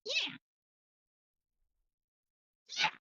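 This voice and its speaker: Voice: very slow, bright, forceful tone, no echo. A streamer chatting casually while drawing, rambling and swearing, openly sentimental, on a headset mic.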